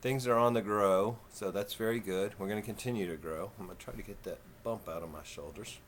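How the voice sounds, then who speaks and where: A man in his fifties with a Texan southern twang, talking slow and folksy in a rambling, casual vlog. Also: fairly low pitch, a little hiss or hum. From Texas. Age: 50s. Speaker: vlogger.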